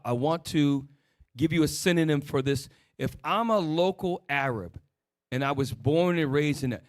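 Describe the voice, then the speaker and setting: A man leads a religious teaching session, firing rhetorical questions and short commands to an assistant. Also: fairly high pitch. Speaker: religious teacher leading a discussion.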